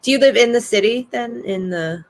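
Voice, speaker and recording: Picture a woman author hosting a casual chat over a video call. She tells her stories with flair, full of sudden dramatic exclamations and quick asides. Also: fairly high pitch. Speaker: author interviewing a guest at a bookshop event.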